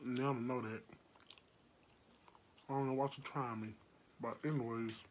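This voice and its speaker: A man's voice: medium pitch, fairly even intonation, moderate pace, a little hiss or hum. A man chatting casually to viewers with his mouth full while eating. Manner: laid-back, addresses viewers as y'all. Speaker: mukbang vlogger.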